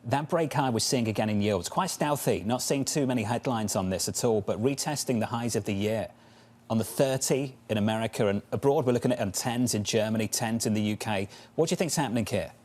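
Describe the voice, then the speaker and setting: A man anchoring financial news, asking brisk, direct questions. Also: fairly low pitch, darkish tone.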